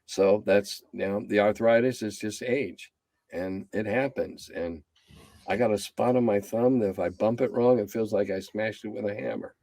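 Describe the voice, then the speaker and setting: At normal speed and with no echo, a game designer in his 70s chats bluntly and ramblingly as a casual interview guest, his voice lowering and quieting as he winds down.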